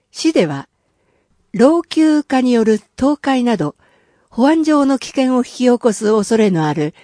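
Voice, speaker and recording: A woman announcer reads public notices with an unhurried, deliberate pace. Her voice is mellow and a touch higher than most, and she keeps her delivery formal and steady. The sound is close and dry. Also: dry recording. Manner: careful, even, formal delivery. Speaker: announcer reading city notices. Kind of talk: scripted reading of public announcements.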